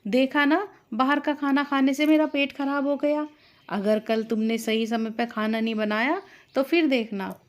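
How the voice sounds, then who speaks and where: A woman's voice: high-pitched, steady tone, measured pace. A woman voicing an arrogant young sister-in-law who scolds and taunts. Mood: scolding. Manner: bossy, taunting.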